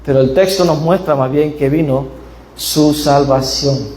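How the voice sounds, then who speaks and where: A man's voice: on the high side, unhurried, a little mellow, slight background noise. A man preaching a sermon in a church, emphatic, asking rhetorical questions and reading scripture aloud. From Panama. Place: church hall. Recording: echoey church room.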